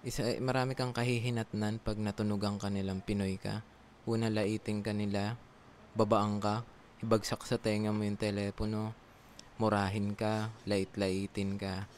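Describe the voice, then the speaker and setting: A man's voice: on the low side, level tone, moderate pace, a little mellow, a little hiss or hum. A man from the Philippines with a Filipino accent, a former call center agent, chatting casually to viewers at his home computer, with lots of fillers. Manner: chatty, many fillers, talks to viewers as guys. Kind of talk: casual tutorial vlog.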